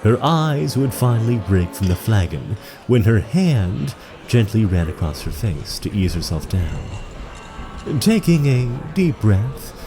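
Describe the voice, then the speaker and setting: An actor with a fairly low-pitched male voice plays a solemn storyteller, narrating a fantasy audio drama in a dramatic, literary manner.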